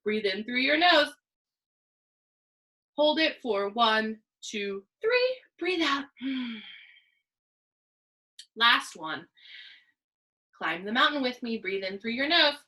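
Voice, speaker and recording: Female kids show host type, PE teacher for little ones; very animated, high-pitched, call-and-response. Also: slow, pauses often, low-quality recording. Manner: kids show host delivery, sing-song counting and simple encouraging instructions; addresses the viewer directly with call-and-response. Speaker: elementary PE teacher. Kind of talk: guided stretching lesson for young children.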